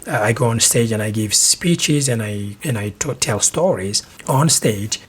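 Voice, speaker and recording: Husky-voiced man from Senegal, podcasting. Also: mid-range voice. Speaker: podcast host. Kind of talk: solo advice podcast.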